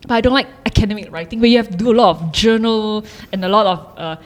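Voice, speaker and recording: A woman's voice: medium pitch, fast. A woman chatting casually on a podcast about being a Bible college student, laughing often and restarting her sentences. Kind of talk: casual chat.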